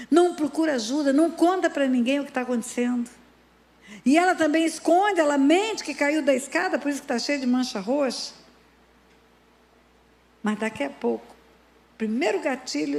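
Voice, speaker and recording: High, gravelly woman pastor preaching. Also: a little mellow. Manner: emphatic, dramatic preaching. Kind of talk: sermon with storytelling.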